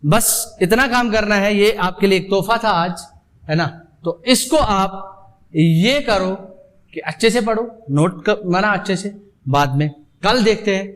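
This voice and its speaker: A man's voice: high-pitched, measured pace, a bit bright. A male math teacher giving a classroom lecture, addressing students as "beta", mixing Hindi and English, and repeating points with rhetorical questions.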